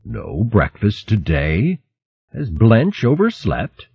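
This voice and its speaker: A calm, dignified old badger lord, as a man puts him on. His voice is deep and husky, with a dry, close sound. The recording is a little dull. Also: slow pace, no room sound, exaggerated voice.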